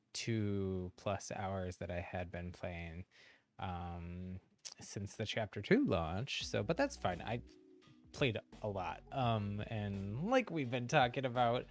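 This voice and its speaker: A live streamer with a lowish voice chats casually to viewers on his channel, rambling and giggling often mid-sentence. There is no echo.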